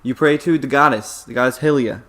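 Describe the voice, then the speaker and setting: A man's voice: medium pitch, fairly quick, fairly bright tone. A young man hosting a let's play, explaining the game to a friend in rambling, casual chat, swearing freely and laughing often.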